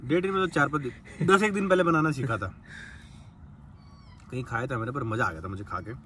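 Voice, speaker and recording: A young man talks through his camp cooking in a relaxed, chatty way, narrating each step. His voice sits in a middle pitch. The phone recording catches plenty of outdoor noise around him. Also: a little fast, recorded from a distance. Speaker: vlogger cooking at a campsite. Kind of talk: casual cooking chat with friends. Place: outdoors at a farm campsite.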